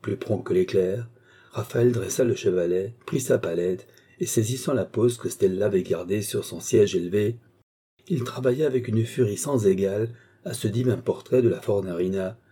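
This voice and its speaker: A male narrator reads a nineteenth-century romance with measured, expressive phrasing. His voice sits low and sounds very dark and mellow, with a husky edge. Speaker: audiobook reader. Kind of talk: literary narration.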